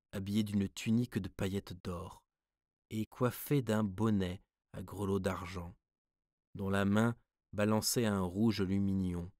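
A man reading prose poems aloud as an audiobook narrator, measured and expressive. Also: lowish voice, no echo, clean studio sound. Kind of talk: scripted literary narration.

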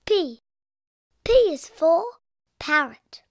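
A woman's voice: extremely high pitch, sing-song, extremely slow, no echo, clean studio sound, full character voice. Peppa Pig, a bubbly little piglet girl. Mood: playful. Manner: bubbly, giggly, clear British diction. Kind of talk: cartoon voice acting. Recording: cartoon soundtrack with music behind.

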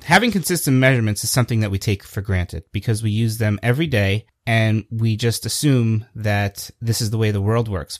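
A man's voice: on the low side, no echo, clean studio sound. A man co-hosting a podcast in a casual chat, easygoing and explaining things at length. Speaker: podcast co-host.

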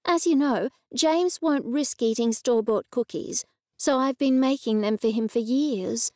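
A woman's voice: a little slow, darkish tone, no room sound, clean studio sound, natural voice. A woman voicing a worried middle-aged heroine. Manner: raised, urgent, slightly higher than narration.

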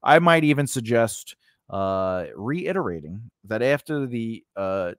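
A man hosts a writing lesson, teaching an informal, unscripted tutorial in a conversational style, often repeating phrases and checking in with the listener. His mid-range voice is expressive, unhurried and smooth, and the studio-quality recording has no echo.

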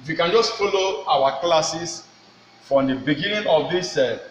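A man's voice: a little high, animated, normal speed. A middle-aged man teaches pronunciation as a teacher, repeating himself in a drilling manner and asking rhetorical questions. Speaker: French teacher. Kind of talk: whiteboard pronunciation lesson. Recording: echoey room, dull sound, faint noise.

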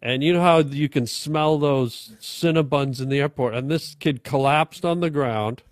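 Deadpan middle-aged man, close and dry. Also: a little high, no echo. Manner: deadpan, halting. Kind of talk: mock-earnest comedic pitch. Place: podcast studio. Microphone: boom-arm studio mic with headset.

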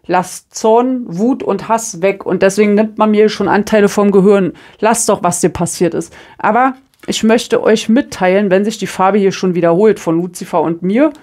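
Middle-aged german woman doing a tarot reading, chatty and self-mocking, lively storyteller. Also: medium pitch, normal speed, few pauses. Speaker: tarot reader. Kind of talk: casual chat.

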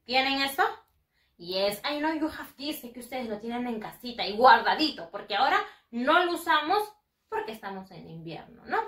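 Slow, high, lively woman teaching children. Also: far from the mic. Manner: slow, exaggerated and patient, repeating words for children to copy. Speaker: first-grade English teacher. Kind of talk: bilingual lesson for young children. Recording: echoey room, speaking away from the mic.

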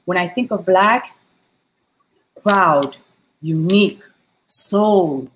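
A woman's voice: on the low side, very slow, slight background noise, low-quality recording. A woman from a Haitian family in New York, speaking earnestly on a video call with many fillers. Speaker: panelist, dancer. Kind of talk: casual panel chat on video call. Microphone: laptop mic on video call.

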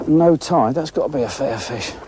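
Slightly high in pitch and at a moderate pace, this middle-aged man's voice carries a bit of background noise. As host of an angling program, he fishes from a boat on the sea, chatting eagerly and reacting to the catch. It comes across as easygoing commentary recorded on location.

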